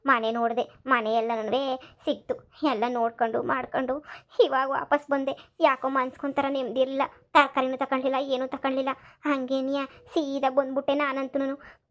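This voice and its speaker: A woman plays a wailing old village mother in a cartoon comedy, drawing out her laments slowly. The voice sits high and keeps to a narrow, level tune. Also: flat delivery. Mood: confiding. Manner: slow drawn-out lament, crying.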